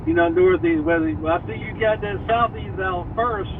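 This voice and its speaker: A man's voice: high voice, normal speed. A man hosting a radio show, chatty and teasing his guest. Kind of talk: casual radio interview. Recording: noisy phone line.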